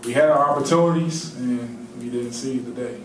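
A man's voice: mid-range voice, normal speed, a crowd in the background. A man answering at a postgame press conference, candid and self-critical, with many fillers. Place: large press room. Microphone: table mic, heard from a distance. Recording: roomy, distant, noisy press room audio.

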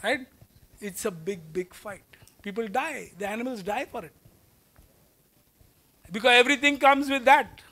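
A guest lecturer in his fifties with an Indian English accent speaks in an extremely high, sharp voice, unhurried and full of long pauses. Wearing a lapel mic, he walks the stage of a large auditorium gesturing as he gives students a conversational lecture, posing rhetorical questions and slipping into Hindi.

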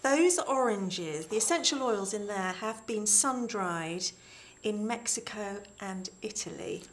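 A woman's voice: medium pitch, lively intonation, slow pace. A middle-aged British woman as a guest expert, enthusiastically explaining a product in a home shopping demonstration. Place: small indoor studio.

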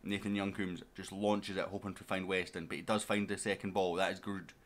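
A man with a low, deep voice commentates a management game in an easy let's-play style. He chats directly to his audience and to the players on screen in a relaxed, conversational way. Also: a little fast. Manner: chatty, talks straight to viewers and to his players. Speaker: gaming YouTuber.

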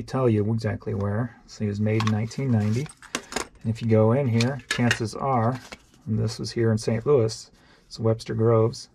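This man's voice sits in the mid range and carries vocal fry, over a noisy background. He's an online reseller making a casual show-and-tell vlog. He chats in a rambling, offhand way, thinking aloud as he sorts through tapes to resell.

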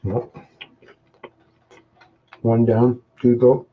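A man delivers his words completely flat and very slowly. The Canadian hot sauce vlogger eats spicy pizza on a live webcam stream, humming and chewing between short remarks and sweating from the peppers. Dull low-fi webcam mic audio carries faint noise.

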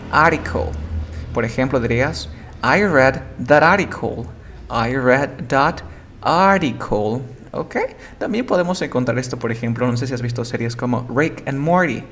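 A man teaching an English pronunciation lesson, explaining patiently and repeating example words slowly and with emphasis. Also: medium pitch, slight background noise.

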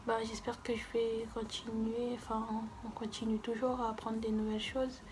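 An eighteen-year-old woman vlogs about her birthday, chatting effusively to the camera and repeating words for emphasis, mostly from a small bedroom with some clips out on the street. Her voice is on the high side and monotone at a moderate pace, captured with noisy amateur camera audio.

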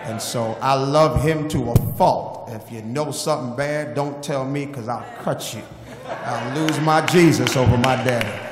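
A middle-aged man preaching as a guest speaker, repeating key phrases and building up to shouted emphasis. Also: mid-range voice, moderate pace, hardly any pauses, a crowd in the background. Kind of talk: sermon. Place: church sanctuary. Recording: roomy church hall reverb.

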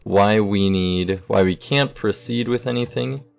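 Slow, gravelly young man commentating a game. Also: fairly low pitch, soft background music. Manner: relaxed, thinking aloud while sorting items. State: has the hiccups. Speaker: gaming YouTuber.

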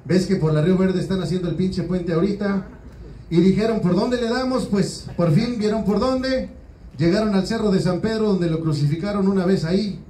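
A stand-up comedian with a Mexican Spanish accent performs a crude, slang-filled routine at a small open-mic venue, constantly saying "güey." His high-pitched, dark-toned voice moves fairly quickly and is picked up far from the mic. The recording is roomy and off-mic, with faint room noise.

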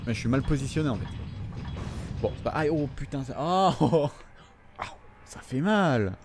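A young man with a French accent commentates his own gameplay in a let's play, joking, swearing, and talking both to viewers and to the game characters. His voice is medium-pitched with lively intonation, and he speaks at a moderate pace.

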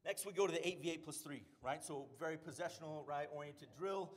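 A middle-aged strength and conditioning coach gives a conference presentation, explaining points with frequent "right?" check-ins. His voice is fairly high-pitched and a little fast.

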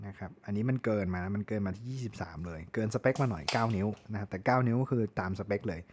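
A man's voice: on the low side, fast, darkish tone, slight background noise. A Thai man giving a chatty tool review, often correcting himself and spelling words out. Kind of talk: casual product review.

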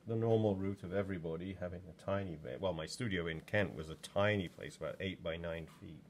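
A sixty-something English potter talks fairly quickly in a low voice as he works, his demo chat rambling and full of ums. The camera is just over his shoulder, and slight background noise can be heard.

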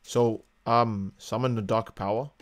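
A man streaming a video game, rambling casually, swearing and reacting loudly to what happens on screen. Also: lowish voice, fairly even intonation, measured pace, noisy background. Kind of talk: casual gaming stream chat.

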